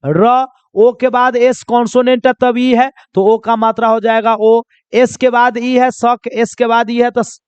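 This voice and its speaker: A man's voice: extremely high pitch, flat delivery, a little slow, clear, resonant tone, no room sound, muffled recording. A man teaching pronunciation rules in a classroom-style lesson, constantly quizzing his listeners with repeated questions and calling them children. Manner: drills with repeated quiz questions; addresses viewers as children.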